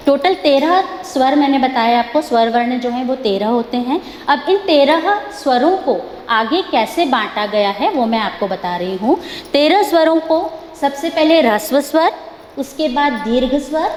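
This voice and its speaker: High-voiced Indian woman teaching in an echoey room. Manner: explains slowly, stretches sounds to show pronunciation, checks understanding often; mixes English words into her talk. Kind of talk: classroom lesson. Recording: echoey room with long reverb, faint hiss.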